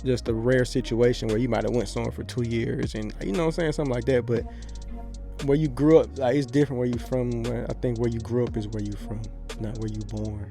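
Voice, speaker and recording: A man's voice: medium pitch, fairly even intonation, quick pace, creaky, mellow, faint music behind. A man from Florida, a podcast guest telling stories in a laid-back, slangy, rambling way. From Pensacola, Florida. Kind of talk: casual podcast chat.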